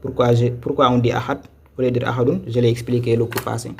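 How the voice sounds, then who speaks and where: A man teaching Quran reading in a live online lesson, patiently repeating and spelling out syllables slowly. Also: mid-range voice, level tone, darkish tone, slight background noise.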